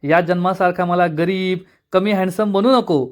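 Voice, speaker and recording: A man's voice: high-pitched, steady tone, unhurried. A man voicing a humble, eager young husband who talks in a polite, coaxing way. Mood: pleading.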